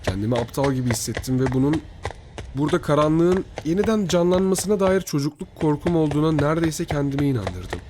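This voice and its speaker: Grave hushed man narrating horror. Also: on the high side, animated, brisk, a little hiss or hum.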